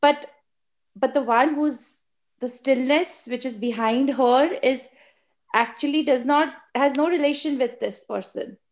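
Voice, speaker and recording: A woman sharing a personal reflection with a teacher, speaking hesitantly and earnestly with many pauses and fillers. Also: high-pitched. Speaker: participant sharing.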